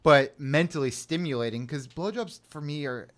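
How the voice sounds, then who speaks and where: A young man in casual podcast chat, blunt and animated, acting out quoted voices as he tells stories. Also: on the high side, normal speed. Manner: blunt, animated storyteller who acts out voices. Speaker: podcast co-host.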